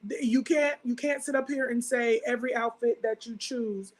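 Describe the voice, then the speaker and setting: A woman's voice: on the high side, steady tone, normal speed, rough recording. A woman on a church panel discussion, talking frankly and matter-of-factly from her own experience. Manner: frank, matter-of-fact, speaks from personal experience.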